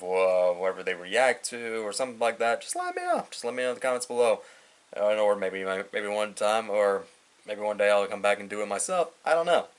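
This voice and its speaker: A man hosting a reaction video, rambling loosely and thinking aloud. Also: on the low side. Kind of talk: casual reaction commentary.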